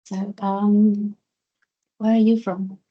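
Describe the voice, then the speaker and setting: A woman's voice: medium pitch, flat delivery, slow, lo-fi sound. A woman moderating a hybrid workshop who gives friendly, brief prompts to the room.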